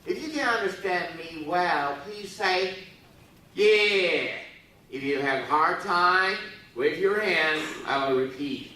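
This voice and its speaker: A middle-aged man from Taiwan gives a joking speech to a live audience at a youth forum, his voice sitting high, slow, pushed and bright. He playfully teases the crowd and prods them to respond. The sound comes from far off in an echoey hall.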